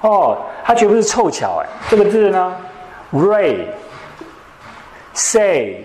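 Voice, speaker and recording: A man's voice: high-pitched, big pitch swings, a little mellow, slight background noise. Echoey male teacher drilling a class. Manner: drills students with quick questions. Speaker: English teacher. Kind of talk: classroom lecture.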